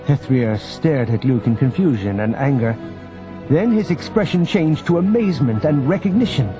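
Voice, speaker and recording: A man narrating an audiobook in scripted narration, with even, measured storytelling. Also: a little high. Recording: dull audio with faint background music.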